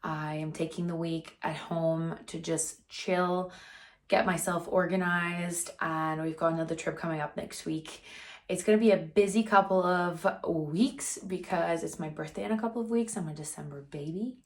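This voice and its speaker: With a steady tone and an ordinary pace, a thirtysomething woman vlogs casually to camera, saying "like" a lot. Her pitch is fairly low and her voice has a slight rasp.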